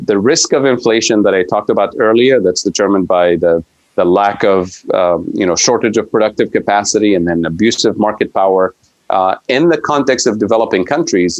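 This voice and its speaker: A man's voice: lowish voice, moderate pace, a little mellow. A middle-aged man from Tunisia, an economics professor talking as a podcast guest, explaining policy thoughtfully with frequent restarts and fillers. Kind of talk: conversational podcast interview.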